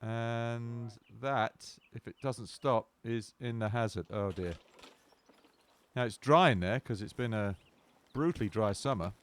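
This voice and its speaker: A man's voice: mid-range voice, a little slow, smooth. A man giving wry golf commentary with dry, playful understatement.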